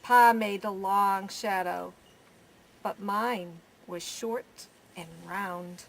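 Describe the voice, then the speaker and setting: A woman storyteller reading a children's picture book aloud, with measured phrasing, pauses and drawn-out words. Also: mid-range voice, steady tone. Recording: faint background noise.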